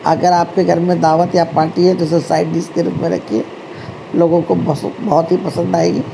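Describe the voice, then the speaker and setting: A woman's voice: on the low side, flat delivery, normal speed, gravelly, noisy background. A woman hosting a home cooking tutorial, talking chattily to her viewers, calling them friends and often correcting herself. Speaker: cooking channel host. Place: home kitchen.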